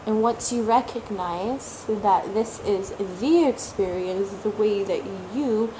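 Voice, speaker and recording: For this woman, English is a third language rather than her first. Acting as a tarot reader, she delivers a slow, reflective monologue at a medium pitch, repeating words for emphasis and sometimes searching for them, with background noise behind her.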